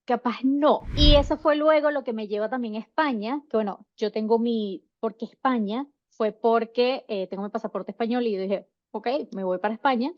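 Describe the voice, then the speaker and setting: A woman's voice: fairly high pitch, moderate pace, few pauses, no room sound, dull audio. A woman in her thirties with a Venezuelan Spanish accent, chatting as an interview guest and rambling with many restarts. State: seven months pregnant. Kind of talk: casual interview.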